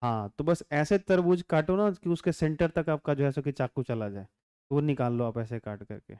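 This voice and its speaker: A man teaching a physics class with a high, clean, ringing voice. He explains unhurriedly and chats with his students, dropping joking asides and constantly asking if they follow. The sound is close and dry, with no room around it. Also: normal speed, a little mellow, clean tone, no echo. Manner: chatty, joking asides, constant rhetorical check-ins. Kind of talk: classroom lecture.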